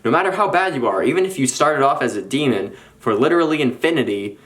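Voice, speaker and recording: Rambling young man vlogging. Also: mid-range voice. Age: young adult. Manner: animated, rambling, quick restarts. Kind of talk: casual chat.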